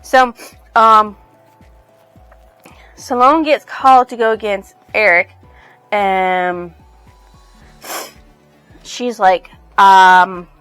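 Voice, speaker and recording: A woman's voice: mid-range voice, steady tone, drawn-out words, pauses often, a bit bright, clean tone, no echo, faint music behind. A woman reviewing a novel in casual chat, rambling with many fillers and swearing freely. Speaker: book reviewer.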